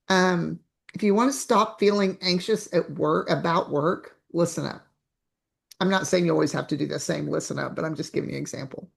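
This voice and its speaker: A woman's voice: fairly low pitch, creaky. A woman coach teaching a live online training, chatty, asking rhetorical questions and restarting her phrases. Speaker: business coach.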